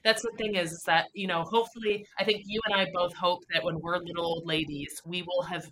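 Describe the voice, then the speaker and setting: A woman's voice: on the low side, fairly even intonation, a little fast, background noise. A woman hosting a podcast interview, enthusiastic and emotional, laughing often. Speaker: podcast host.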